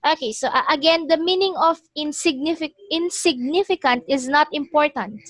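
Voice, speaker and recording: A woman's voice: high voice, normal speed, fairly bright tone, no echo. A woman teaching a one-on-one pronunciation lesson, instructing and repeating words and phrases for the learner. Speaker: English teacher.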